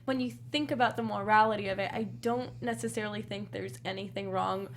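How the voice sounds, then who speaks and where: A woman's voice: mid-range voice, steady tone, fairly quick, a little hiss or hum. A woman on a review panel who talks candidly and hedges with lots of "like.". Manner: candid, hedging with "like", laughs lightly. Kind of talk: casual panel discussion.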